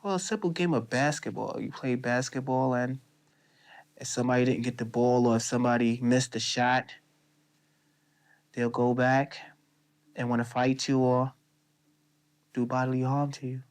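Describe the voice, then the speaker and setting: A thirty-year-old man gives a plain, matter-of-fact account in an interview. His voice is clean and smooth, and his pitch stays flat. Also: normal speed, long pauses. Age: 30s. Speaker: interviewee, local resident. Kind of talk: documentary interview.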